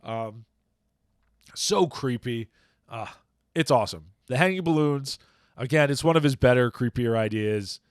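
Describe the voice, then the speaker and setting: A man's voice: mid-range voice, unhurried, long pauses, smooth, dry recording, studio quality. A man hosting a podcast in casual chat, rambling and searching for words as he recaps plots. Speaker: podcast host.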